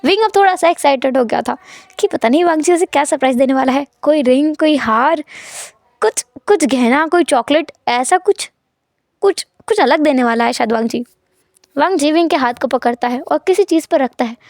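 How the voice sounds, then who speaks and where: A woman narrating a fan fiction story in a chatty, expressive way. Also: high-pitched, normal speed, vocal fry, no echo, clean studio sound.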